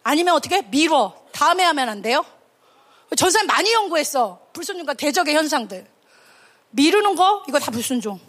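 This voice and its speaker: Emphatic high-voiced woman preacher. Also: big pitch swings, brisk, fairly bright tone. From Korea. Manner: emphatic, acts out quotes, rhetorical questions. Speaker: evangelist preaching to a children's camp. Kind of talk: sermon.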